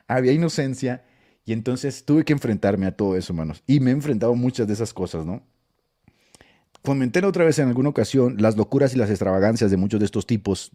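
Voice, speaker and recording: Mellow-voiced northern Mexican preacher, laughing. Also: male voice, medium pitch. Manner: laughs often while telling stories. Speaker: preacher telling anecdotes. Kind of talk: casual storytelling talk.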